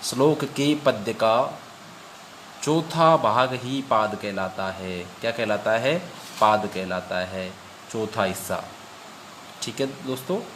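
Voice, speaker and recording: A man teaching an exam-prep lesson. He recites verses slowly and repeats each point as a question he then answers. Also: fairly low pitch, a bit bright, slight background noise.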